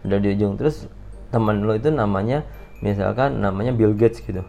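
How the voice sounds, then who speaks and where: Woman from Central Java, very low and mellow, casual playful co-host, faint guitar bed. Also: brisk, vocal fry. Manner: relaxed, playful, explains slang with acted examples. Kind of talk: casual chat. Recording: slightly dull sound with faint guitar music.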